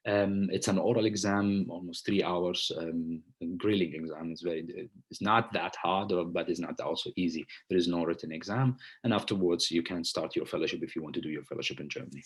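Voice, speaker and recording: A man with a low, husky voice and a Saudi accent gives an informal talk. He explains in a relaxed way, switching between Arabic and English and pausing often on fillers. His delivery is hesitant. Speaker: presenting doctor. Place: Germany.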